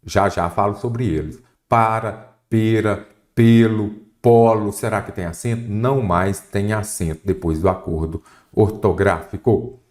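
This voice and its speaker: A lower-voiced middle-aged man with a Brazilian Portuguese accent leads an exam-prep grammar class. He walks through each rule step by step and keeps posing quick questions to the students, then answers them himself. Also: a little mellow. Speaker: teacher.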